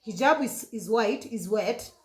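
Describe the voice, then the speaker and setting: Kenyan woman telling a story, halting. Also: a little high, expressive. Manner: halting, repeats and corrects herself, switches into Swahili. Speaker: vlogger. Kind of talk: emotional personal storytelling. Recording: roomy echoey room.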